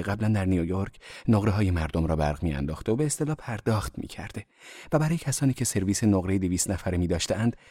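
A man reading an audiobook, voicing a playful young woman who speaks in hushed, breathy tones. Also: fairly low pitch, dry recording, studio quality.

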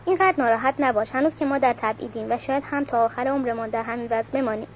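A woman's voice: fairly high pitch, lightly acted. A woman voicing a tender young noblewoman in exile while reading a novel aloud, on a dull recording with faint hiss.

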